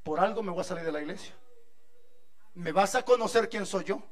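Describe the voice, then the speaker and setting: A man's voice: high-pitched, fairly quick, pitched below the performer's own voice, lightly acted. A man voicing a quarrelsome churchwoman who makes defiant threats. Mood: threatening.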